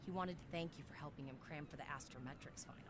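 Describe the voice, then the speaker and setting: A woman's voice: deep voice, quick pace, close to an everyday voice. A woman playing a friendly, teasing young cadet in a video game, chatty and playful. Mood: upbeat, teasing. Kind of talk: scripted game dialogue. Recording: noisy game audio capture.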